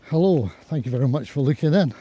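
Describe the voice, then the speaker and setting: Livestreaming a group walk along a riverside hiking trail in cold wind, a husky-voiced man chats to viewers through a small DJI clip-on mic worn near his throat. His mid-range voice is expressive, quick and warm, and the sound is lo-fi. He rambles casually and greets viewers as he goes.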